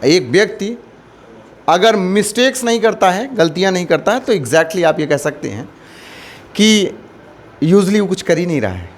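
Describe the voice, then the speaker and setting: A man's voice: high voice, animated, moderate pace, long pauses. A man teaching an English lesson, switching between Hindi and Indian-accented English and repeating points for students. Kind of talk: classroom lecture.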